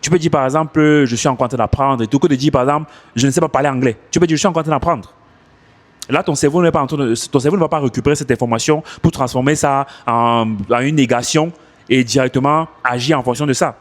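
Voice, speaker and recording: A man's voice: mid-range voice, fast talker. Man giving casual advice into a phone. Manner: animated, repeats himself for emphasis. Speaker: English coach.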